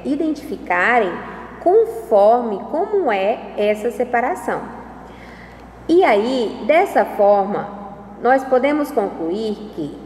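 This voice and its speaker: A woman teacher giving a recorded lesson, talking slowly and carefully and spelling out syllables. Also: a little high, a little mellow, slight background noise. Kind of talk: recorded lesson on poetic meter. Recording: echoey room with long reverb and faint ambience.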